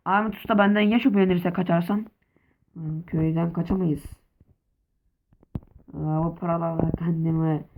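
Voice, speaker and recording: A woman commenting on her block-building game role-play, excitable, with playful swearing and constant calls to her viewers. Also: on the low side, narrow, tinny audio. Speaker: gaming video creator.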